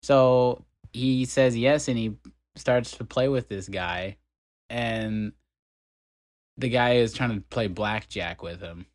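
A man's voice: mid-range voice, takes it slowly. A young man casually telling a long story on a podcast, acting out the voices of the people in it. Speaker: podcast co-host.

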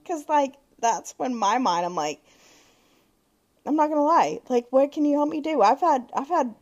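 A woman's voice: high-pitched, a little slow, long pauses, muffled recording. A woman in her thirties, co-hosting a podcast, telling a story in casual chat with lots of swearing and quoted texts. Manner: animated, swearing, quoting texts. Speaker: podcast co-host.

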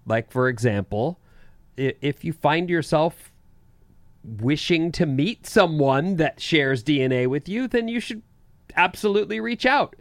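Man, high voice, animated pitch, dry close sound, casual chat. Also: a little slow, no echo.

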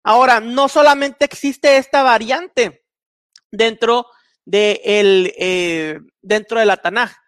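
A man's voice: very high-pitched, takes it slowly, fairly bright tone, no echo. A man explaining slides as a Bible teacher, methodical, with frequent fillers and restarts. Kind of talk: explaining slides in a recorded lesson.

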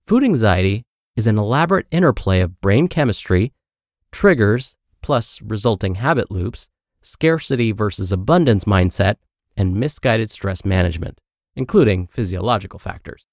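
A man hosting a podcast, reading a blog post aloud in a steady, clear way and then adding his own commentary with light self-aware humor. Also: lowish voice, normal speed, no room sound, studio quality. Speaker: podcast host.

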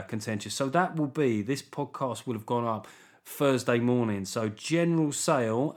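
A man hosting a solo comic podcast, talking in a sarcastic, rambling, self-mocking way. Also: medium pitch. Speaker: comedian and podcast host.

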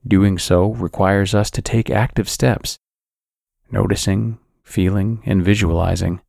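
A man narrating a scripted guided sleep meditation in a calm, soothing, measured sleep-story manner. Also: deep voice, creaky, dry recording, clean studio sound.

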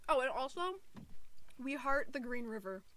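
A young-sounding woman with a Michigan accent, co-hosting a casual podcast, excitable and quick to break into giggles. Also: sits high. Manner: giggly, excitable, laughs often. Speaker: podcast co-host. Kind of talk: casual chat.

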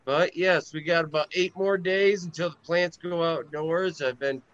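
A man from Michigan, a guest grower, speaking slowly with lots of fillers over a choppy internet connection that keeps breaking up. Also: fairly high pitch, fairly even intonation, fairly bright tone, no room sound. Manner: slow, halting, many fillers. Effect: choppy bad internet connection. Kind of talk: casual interview over a call. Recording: dull, dry lo-fi call audio.

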